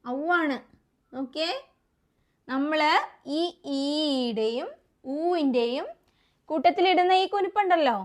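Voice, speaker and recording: A high-pitched woman leads a children's alphabet lesson. She coaxes the kids along with questions and drawn-out letter sounds, patient and repetitive. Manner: coaxing, asks children questions and repeats letters slowly. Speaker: children's teacher.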